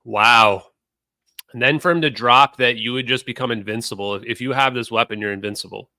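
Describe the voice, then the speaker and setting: Excitable man with a bright, crisp voice. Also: medium pitch, fairly quick, dry recording. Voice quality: excitable, chatty, talks to viewers. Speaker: host reacting to a podcast. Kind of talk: casual reaction commentary.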